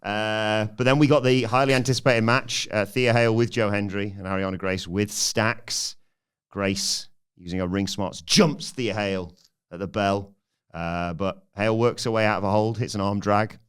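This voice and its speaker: A man's voice: lowish voice, fairly even intonation, moderate pace, fairly bright tone, smooth. A man co-hosting a podcast, giving a dry, sarcastic play-by-play recap in casual chat. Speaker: podcast co-host recapping the show.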